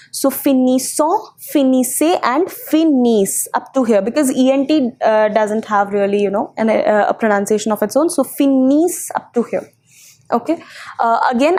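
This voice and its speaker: Female language teacher, a bit high-pitched, walks through conjugations slowly with filler sounds. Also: a little mellow. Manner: explains step by step, many filler ums and uhs. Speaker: French teacher. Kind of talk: online language lesson.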